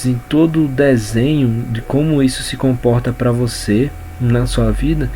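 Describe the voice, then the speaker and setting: A man's voice: mid-range voice, steady tone, unhurried, warm tone. A man with a Brazilian Portuguese accent and a middle-range voice teaches a casual lesson on communication. He talks unhurriedly, circling back over words and restarting phrases as he goes. Faint noise sits under the recording. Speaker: communication coach. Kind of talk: informal spoken lesson.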